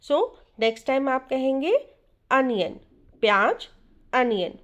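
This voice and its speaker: A woman with an Indian accent teaches vocabulary at an unhurried pace. Her voice sits a little high, and she drills each word by repeating it and asking the listener to say it back. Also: expressive, noisy background. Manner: repeats each word slowly, asks quiz questions. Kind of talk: slow, drilled vocabulary lesson.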